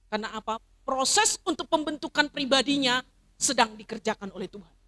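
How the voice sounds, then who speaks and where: A middle-aged woman pastor preaching a sermon, swinging from loud emphatic declarations to soft personal stories. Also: high voice, brisk. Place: church service.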